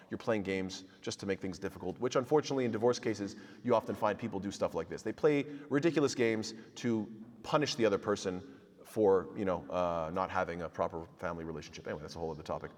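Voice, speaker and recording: A man's voice: fairly low pitch, fast talker, a little mellow, long reverb tail. A man teaching a casual Islamic law class, using Arabic terms, joking and acting out small exchanges between people. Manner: conversational, joking asides, acts out little dialogues. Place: mosque hall.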